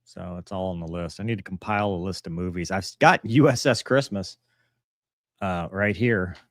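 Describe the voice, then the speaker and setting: This deep-voiced man, a pilot and author, hosts an informal live question-and-answer stream, responding to viewers in a meandering, plain-spoken style that tends to trail off. He speaks at a moderate pace, and the sound is dry and studio-clean.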